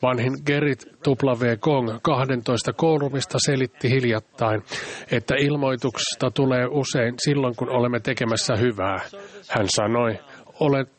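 Calm man reading a sermon. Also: mid-range voice. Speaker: church speaker.

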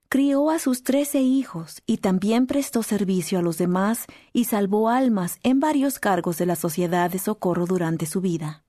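A woman narrates in a calm, measured reading voice. Her tone is mellow and dark, recorded dry on a close studio mic with no room sound. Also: medium pitch, no room sound. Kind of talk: scripted narration.

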